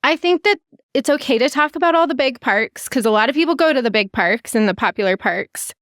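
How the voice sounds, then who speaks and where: A woman's voice: sits high, expressive, a little fast, fairly bright tone, dry recording. A woman co-hosting a podcast, chatting casually in a frank, dry way with loose restarts. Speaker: podcast co-host.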